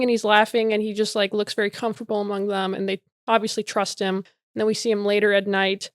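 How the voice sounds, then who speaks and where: A woman's voice: medium pitch, no room sound, clean studio sound. A woman introducing her character on a role-play podcast, playful and chatty. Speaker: player. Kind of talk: casual chat.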